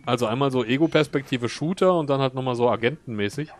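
A man's voice: mid-range voice, quick pace. A young man chatting colloquially and jokily as he comments on a co-op video game. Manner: jokey, colloquial. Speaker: Let's Play host. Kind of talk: casual co-op gaming commentary. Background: video game ambience.

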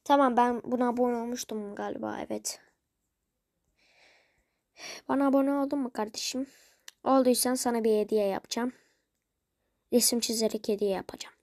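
A woman's voice: fairly high pitch, a little mellow, no room sound, studio quality. A woman chatting casually to viewers, rambling and grumbling in exasperation. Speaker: video creator.

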